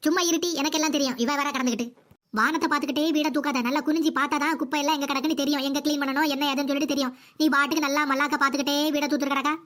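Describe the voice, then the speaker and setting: A woman's voice: high-pitched, fairly even intonation, rapid-fire. A woman doing a nagging cartoon mother-in-law. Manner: nagging, scolding, sharp-tongued. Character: scolding middle-aged mother-in-law, nagging and bossy. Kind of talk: cartoon comedy voice acting.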